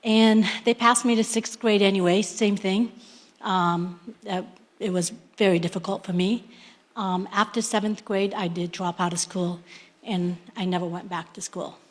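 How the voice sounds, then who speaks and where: This is a middle-aged woman from Iraq who tells her personal success story. She has a mid-pitched voice, speaks plainly and takes her time, and she often pauses on ums and starts her sentences again. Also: fairly even intonation. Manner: unhurried, plain-spoken, many ums and restarts. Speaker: entrepreneur.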